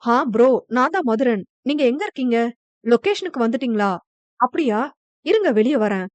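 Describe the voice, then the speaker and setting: A cold, curt young man, as a woman narrator puts him on in a romance audio novel. His lines come fast and clipped, only slightly lower than the reader's own high voice, and the sound is dry and close. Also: expressive, no room sound, lightly acted. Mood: brisk. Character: young man, the cold stern male lead.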